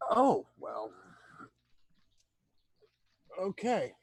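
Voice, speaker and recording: A man with a mid-pitched voice narrates a tabletop game scene slowly, pausing and restarting often. The sound is dry and close, as on a video call. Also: sing-song, gravelly, slightly rough, no room sound. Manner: hesitant, halting. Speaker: game master.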